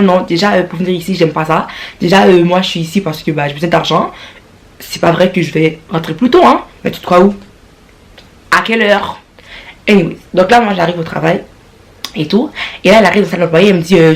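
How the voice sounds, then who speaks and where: A young woman with a Quebec French accent telling a storytime vlog, sassy and animated, slipping English slang into her talk. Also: fairly low pitch, vocal fry. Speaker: vlogger.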